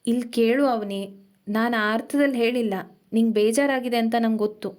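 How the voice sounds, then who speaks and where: A woman voicing a tired young man who speaks softly and apologetically to his fiancée in an audio story. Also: a little high, fairly even intonation, normal speed, lightly acted. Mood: apologetic. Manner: defensive, then softly apologetic.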